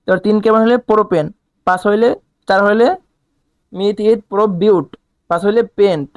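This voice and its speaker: High-voiced man teaching a chemistry lesson. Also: brisk, clear, resonant tone, no echo. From Bangladesh. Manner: asks questions and answers them himself, counts aloud; colloquial, dialect forms. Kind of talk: recorded lecture at a board.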